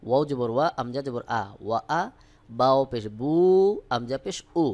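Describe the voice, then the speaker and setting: A man with a Bangladeshi accent teaching Arabic recitation, spelling out each syllable slowly and then repeating the joined word. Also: medium pitch, fairly even intonation. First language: Bengali.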